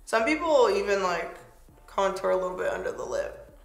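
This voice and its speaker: A young beauty vlogger chats loosely and playfully while doing her makeup, her voice a bit hoarse and squeaky with a sing-song lilt at a moderate pace. She sits near the camera in a small home studio with a pink backdrop, where soft music plays and a clear room echo colors the sound.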